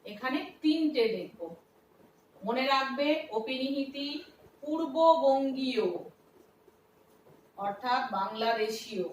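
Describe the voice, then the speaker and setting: Echoey woman teacher explaining slowly. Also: high voice, a little mellow. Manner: explains step by step, asks and answers own questions. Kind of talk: classroom lesson explanation. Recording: echoey room, from a distance, faint noise.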